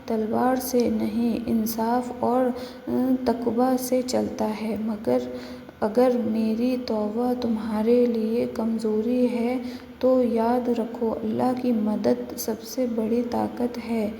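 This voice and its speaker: A woman's voice: on the high side, level tone, vocal fry, warm tone, reverberant, long reverb tail, slight background noise, poor audio. A woman voicing a stern, devout male sultan in a read-aloud story, speaking firmly and solemnly. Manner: firm, solemn.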